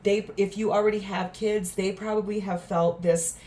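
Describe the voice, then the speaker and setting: A woman giving a tarot reading in a gentle, earnest, reflective way, with frequent fillers. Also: medium pitch, steady tone, moderate pace. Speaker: tarot reader.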